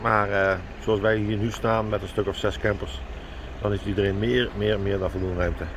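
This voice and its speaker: A man in his sixties vlogs about his camper trip at normal speed, his low voice delivered flatly over a noisy background. He talks casually to a handheld camera at arm's length, easygoing and heavy on fillers and restarts. He starts inside his camper van and ends up outdoors by a river.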